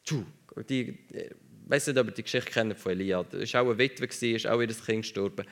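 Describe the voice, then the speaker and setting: Gravelly preacher. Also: male voice, on the low side, moderate pace, fairly bright tone. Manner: emphatic, repeats phrases for stress. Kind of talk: sermon.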